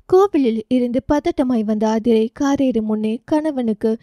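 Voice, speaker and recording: A woman's voice: a little high, normal speed, mellow, no echo, clean studio sound. A woman with a Tamil accent reading a romance audio novel aloud, with emotive storytelling.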